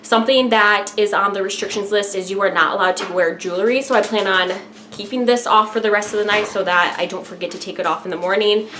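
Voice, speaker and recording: A woman's voice: mid-range voice, steady tone, quick pace, sharp tone, a little hiss or hum. A woman talking casually and directly to viewers in an informal, chatty vlog style. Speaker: vlogger.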